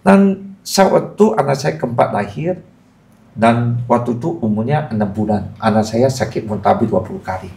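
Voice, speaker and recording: A middle-aged man giving a casual personal testimony on a podcast, his voice jumping up in pitch when he gets emotional. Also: normal speed, gravelly, darkish tone. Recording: echoey room.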